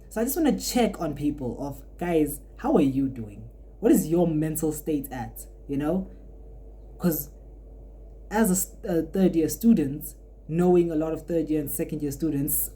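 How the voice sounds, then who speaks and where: A twenty-year-old woman with a low, mellow voice talks over slight background noise. As a podcast host and art student, she offers a casual, meandering monologue, reflecting aloud with frequent restarts.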